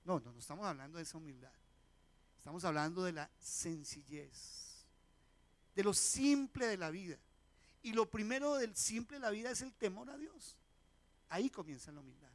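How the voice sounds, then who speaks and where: High-voiced pastor preaching. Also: male voice, animated, normal speed, no echo. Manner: asks the congregation questions, acts out quoted voices. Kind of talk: sermon. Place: church sanctuary.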